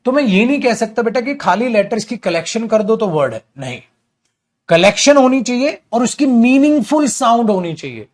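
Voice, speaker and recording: High-voiced Hindi-speaking male teacher. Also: very animated, normal speed, darkish tone. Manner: explains by asking and answering his own questions, calls students "beta". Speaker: English grammar teacher. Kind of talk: classroom lecture.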